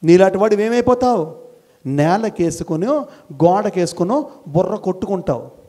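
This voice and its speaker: Man, motivational speaker to a student crowd, lively and scolding, high-pitched, mixes in English phrases. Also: normal speed. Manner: animated, scolding, teasing the audience. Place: college hall.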